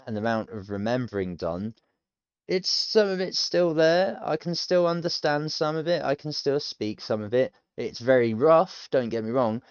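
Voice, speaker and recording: Here the language-learner streamer, a Briton in his thirties, thinks aloud casually as he tackles a course, rambling, chatty and self-deprecating. His mid-range voice has a smooth, darkish tone. There's no echo, and the highs are cut off.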